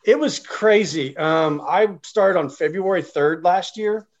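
A man's voice: high-pitched, a little slow, highs cut off. A man, a guest chatting casually and rambling a little with many fillers. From Oklahoma. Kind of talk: casual interview chat.

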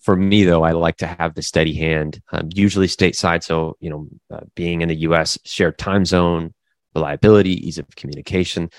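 A man from the American Midwest, talking casually as an interview guest, halting with many fillers and restarts. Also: sits low, steady tone, no echo. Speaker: guest business owner.

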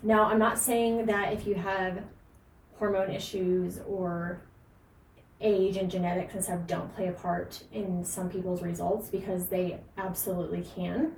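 A woman's voice: fairly low pitch, flat delivery, unhurried, reverberant. Woman fitness podcast host, emphatic and earnest, distant mic with faint noise. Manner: emphatic, earnest, frequent fillers and laughs. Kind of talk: casual podcast advice.

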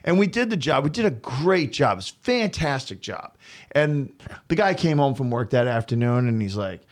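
A man in his fifties hosting a podcast, telling work stories from his flooring business in a blunt, animated way. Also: mid-range voice, moderate pace. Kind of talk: casual storytelling podcast.

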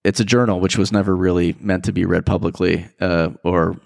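A man's voice: low voice, fairly even intonation, fairly quick, creaky, a little mellow, dry recording, studio quality. A man hosting a podcast, talking in a casual, reflective monologue that rambles thoughtfully, with frequent restarts and fillers. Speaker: podcast host.

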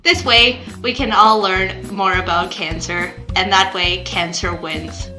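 A woman on a tabletop game podcast reading a mock charity announcement with deadpan dark humor. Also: lowish voice, a little slow, echoey room, music in the background. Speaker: podcast player.

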